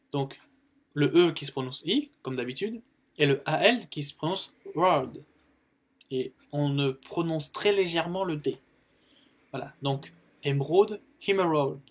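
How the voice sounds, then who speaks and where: With a fairly high, slightly rough voice and lively intonation, this French-speaking man teaches English colour words in a relaxed YouTube lesson. He goes slowly, says each word more than once, and fills his speech with plenty of fillers.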